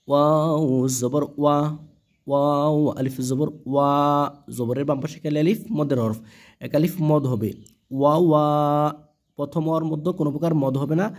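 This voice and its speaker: A man teaching Quran reading in a slow, patient lesson, spelling each word letter by letter and repeating it. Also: a little high, a little mellow. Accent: Bangladeshi Bengali.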